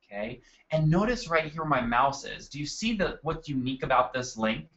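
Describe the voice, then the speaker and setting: Upbeat male webinar host, bright edgy tone, casual and chatty, slightly muffled desk audio. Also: a little high, animated, a little fast. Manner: upbeat, addresses attendees by name. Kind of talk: live marketing webinar presentation. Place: at a desk indoors.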